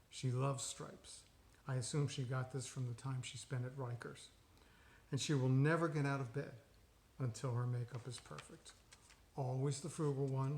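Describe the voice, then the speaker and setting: A man giving a deadpan, joking birthday tribute to his wife that turns heartfelt. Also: medium pitch, a little hiss or hum.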